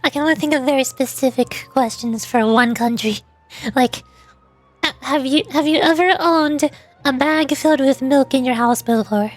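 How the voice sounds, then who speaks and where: A woman VTuber with a high-sitting voice chats casually with viewers on her livestream at a moderate pace, music playing behind her. She thinks aloud hesitantly, stammers over repeated words, and puts herself down a little.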